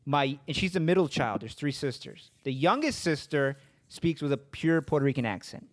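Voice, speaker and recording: A man hosts a podcast interview and tells stories about his family. His voice sits a touch high for a man. He rambles and hesitates, often stumbling over and repeating his words. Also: lively intonation, normal speed. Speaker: podcast host.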